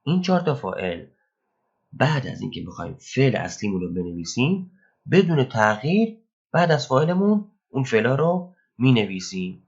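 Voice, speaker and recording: A man teaching English grammar in a recorded lesson, explaining step by step, quizzing the listener and reading example sentences slowly. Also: mid-range voice, very animated, vocal fry, a little mellow, breathy edge, dull audio. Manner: explains step by step, asks the learner questions and praises answers.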